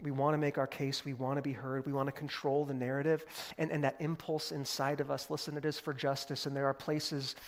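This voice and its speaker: A young man preaching a sermon, talking through scripture in a casual, animated way with playful asides. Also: mid-range voice, a little fast, few pauses. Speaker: pastor.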